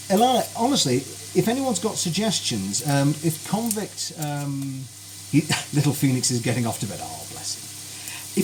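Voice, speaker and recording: Over the sizzle and clatter of his home kitchen, a cooking streamer with a fairly high voice chats cheerfully and politely on a live stream, greeting viewers by name. The audio quality is poor.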